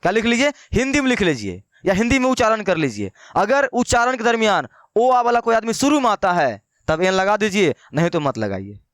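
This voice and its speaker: A man's voice: high-pitched, big pitch swings, a bit bright, no room sound, clean studio sound. A man teaching an online grammar lesson. He asks and answers his own questions and repeats key words. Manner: slows down to dictate notes. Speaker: English teacher.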